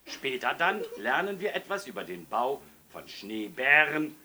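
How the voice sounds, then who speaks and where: A man's voice: medium pitch, very animated, measured pace, pushed and bright, a little hiss or hum, exaggerated voice. A man voicing a cheerful fat snowman announcer. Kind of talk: storybook reading.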